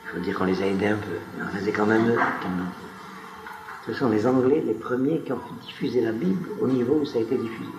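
A man's voice: lowish voice, fast talker. Digressive male lecturer in an echoey room. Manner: digressive, often turns to the audience with questions. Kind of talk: spoken lecture to a live audience.

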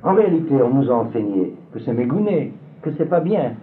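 A man's voice: medium pitch, very animated, a little fast. A man teaching a Talmud seminar to a class, hesitant, with many fillers and repeated words. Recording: phone-like lo-fi recording with faint noise.

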